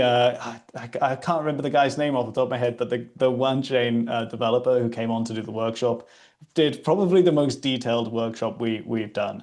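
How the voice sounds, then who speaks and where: A man's voice: mid-range voice, darkish tone. A British man hosting a livestream, presenting in a casual, chatty way with many fillers and restarts. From Britain.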